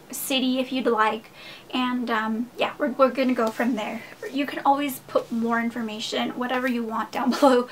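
A woman vlogger chatting casually to her viewers, gushing and fast-talking. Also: sits high, a bit bright, slight background noise. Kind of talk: casual haul video talk. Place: home room.

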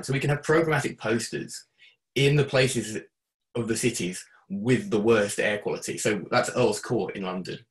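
A man presenting a student campaign pitch from home on a video call, upbeat and keen with frequent fillers. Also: a bit bright.

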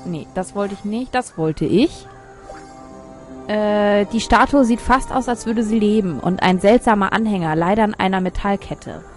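A woman's voice: mid-range voice, a little slow, soft background music. A woman giving casual gameplay commentary as a let's player, reading game text aloud with chatty, muttered asides.

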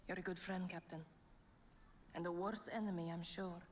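An actress playing a proud female rebel commander, speaking calm and resolute in a game cutscene. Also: on the low side, moderate pace, lightly acted. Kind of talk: video game cutscene acting. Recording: game audio with noisy ambience.

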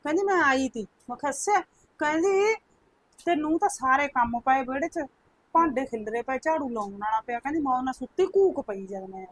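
An actress playing a talkative mother-in-law in a village home, speaking with a Punjabi accent in a brisk, storytelling manner. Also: sits high, animated, dry recording. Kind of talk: village comedy skit.

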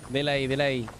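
A man's voice: medium pitch, background noise. A man giving live gameplay commentary as a streamer, joking, tossing in English words and yelping when startled. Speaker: gaming streamer.

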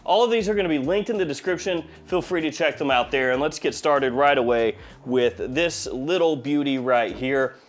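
A fragrance review channel host in his forties, nursing a slight head cold, gives a playful, jokey product review with wry asides. He speaks at normal speed in a mid-range voice with hardly any pauses, with soft music in his small indoor studio.

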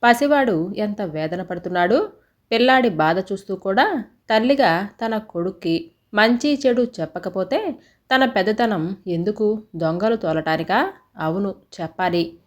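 A woman narrating an audio story in a steady, reflective way, often asking rhetorical questions. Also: medium pitch, unhurried.

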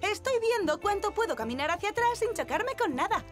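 A woman's voice: extremely high pitch, very animated, a little fast, soft background music. An actress voicing a playful, goofy cave girl who loves pranks. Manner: bubbly, silly, theatrical. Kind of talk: Spanish cartoon dubbing.

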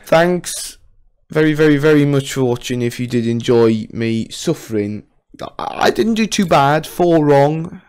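A man's voice: on the high side, lively intonation, measured pace, a little mellow, smooth. A young man hosting a casual gaming challenge, exclamatory and self-mocking, speaking close to a studio mic. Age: young adult. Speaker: video host. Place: small room at home. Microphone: studio condenser mic with pop filter, close up.

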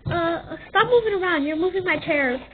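A woman's voice: extremely high pitch, lively intonation, normal speed. A woman playing a self-important young female YouTuber in a comedy skit, talking in a dramatic, over-the-top, squealing way. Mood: showy. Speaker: skit performer. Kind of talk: comedy skit role-play. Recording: tinny phone-like audio with background noise.

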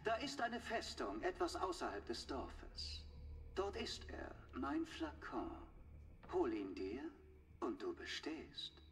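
A man's voice: a little high, wildly swooping pitch, slow, a bit bright, a little hiss or hum, exaggerated voice. An actor playing an arrogant, mocking male villain lord in a video game, heard from far off as game audio. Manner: taunting, swaggering.

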